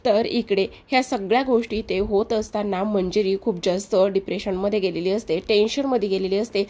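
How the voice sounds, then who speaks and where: A woman's voice: mid-range voice, a little fast, mellow. A woman tells a soap episode as a recap, moving scene to scene and quoting each character. Her voice sits in a middle register and stays conversational. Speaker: serial recap narrator.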